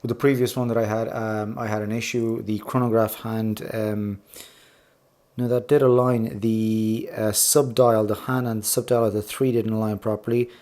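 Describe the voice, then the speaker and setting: A man's voice: on the low side, level tone, normal speed, darkish tone. A man hosting a casual unboxing vlog, talking enthusiastically and gushing over details with rambling asides. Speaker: watch reviewer, channel host.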